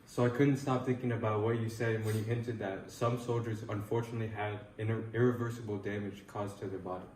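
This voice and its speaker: A man's voice: lowish voice, flat delivery, a little fast, a little mellow, lightly acted. A man playing an earnest, patriotic 1940s field reporter in a scripted news interview. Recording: echoey room with faint noise.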